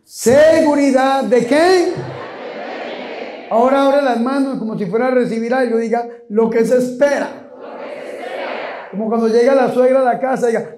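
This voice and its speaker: A man, a priest, giving a lively sermon with call-and-response, repeating his questions and shouting key words. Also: very high-pitched, slight background noise. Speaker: priest preaching. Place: church or retreat hall with a congregation. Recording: echoey hall with crowd.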